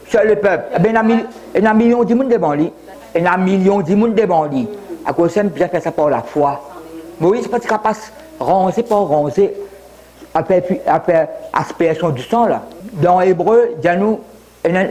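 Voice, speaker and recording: A man's voice: sits high, a little mellow. A man in his seventies, a pastor from Mauritius, preaching a sermon with many repetitions and asides. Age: 70s. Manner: preaching with repetitions, switching briefly into English.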